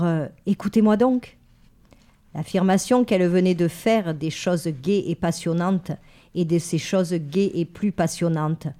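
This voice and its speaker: Casting: woman narrator for a literary audiobook, low mellow voice. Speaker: audiobook reader. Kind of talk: read-aloud literary narration.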